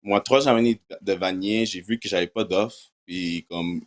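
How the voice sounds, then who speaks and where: A young adult man from Quebec, Canada, a university football player whose first language is English, answers interview questions in casual French mixed with English words. His voice is low and his pace normal.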